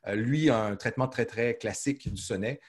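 A literature professor with a mid-range, slightly rough voice answers his students' questions at a somewhat fast clip. He hesitates often, filling gaps with "euh" and restarting his sentences.

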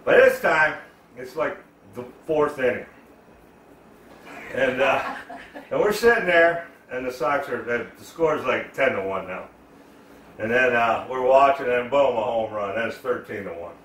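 A man's voice: mid-range voice, expressive, measured pace, slight background noise. Guy cussing thru a long rambly story while cooking, echoey kitchen, kinda far from the mic. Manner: profane, rambling, loud storyteller. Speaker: cooking vlogger.

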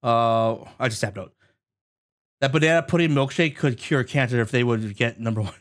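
A man streaming a game live, chatting excitably with viewers and laughing often. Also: medium pitch, moderate pace.

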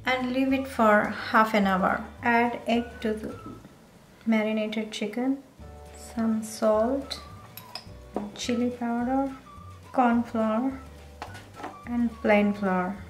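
A woman with a slightly high voice talks through a recipe at a slow, unhurried pace, giving plain step-by-step instructions. Her voice rings in an echoey home kitchen. Faint music plays behind her. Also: steady tone. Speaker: cooking channel host. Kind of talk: cooking tutorial voice-over.

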